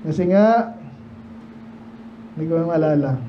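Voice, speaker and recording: A man from the Philippines preaching a midweek sermon and Bible study. He talks to the congregation in a loose, digressive way, asks them questions, and slows down to read King James verses. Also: a little high, lively intonation. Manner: mixes Tagalog talk with slow King James readings. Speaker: pastor. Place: church. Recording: dull lo-fi church recording with faint noise.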